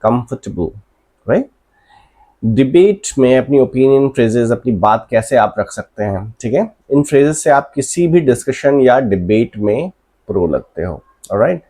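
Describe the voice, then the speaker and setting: A man's voice: mid-range voice, expressive, moderate pace, mellow, husky. An Indian man teaching English in Hindi as a casual lesson, explaining step by step and often checking in with "alright?". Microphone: voice-over over a screen presentation.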